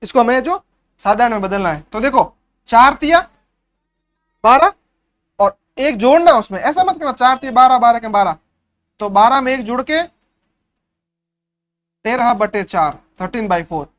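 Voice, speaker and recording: A man's voice: very high-pitched, lively intonation, moderate pace, pauses often, fairly bright tone. A man teaching a maths revision class for young pupils, explaining step by step and often checking that the class has understood.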